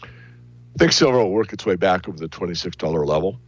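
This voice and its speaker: Very deep-voiced man, husky and dry. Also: expressive, no echo, muffled recording. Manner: deliberate, hedging, analytical. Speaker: interview guest, silver analyst. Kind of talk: measured interview answers.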